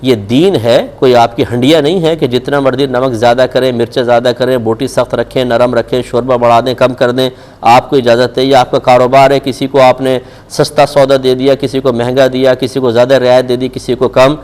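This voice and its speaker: A man's voice: medium pitch, little pitch movement, darkish tone. A man with a Pakistani Urdu accent answering religious questions on a live TV show, speaking firmly and admonishingly with rhetorical questions.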